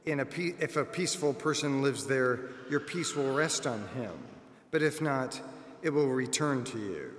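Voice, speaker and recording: A man, a clergyman, reads the Gospel aloud at Mass in a measured, formal way. The sound has a cathedral-like echo. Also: medium pitch, a bit bright. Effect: cathedral-like echo with long reverb. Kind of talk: liturgical Gospel reading. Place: large church during Mass. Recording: echoey church hall, long reverb.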